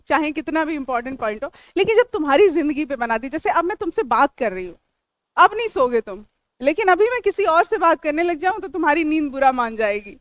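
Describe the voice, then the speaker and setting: A woman with an Indian accent teaches English grammar to a classroom, walking through it step by step and quizzing her students. Her voice sits high and a bit bright, with no room sound, and she's chatty and joking with the class in this lecture.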